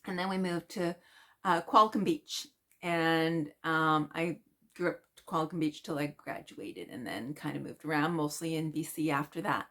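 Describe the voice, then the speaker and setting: In her stitching vlog, a middle-aged Canadian woman rambles casually, wandering off track and using plenty of fillers and restarts. Her voice is low-pitched and fairly bright, at a normal pace.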